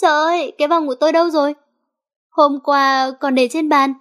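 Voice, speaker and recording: A woman's voice: on the high side, fairly quick, a bit bright, lightly acted. A woman voicing a sleepy, hot-tempered teenage girl who scolds and grumbles. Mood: grumpy. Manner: grumpy, scolding.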